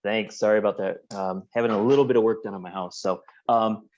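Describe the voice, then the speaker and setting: Halting man on a muffled video call. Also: on the low side, steady tone, a little mellow. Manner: hesitant, many fillers and restarts. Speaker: project engineer answering public questions. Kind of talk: webinar Q&A. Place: home office with work being done.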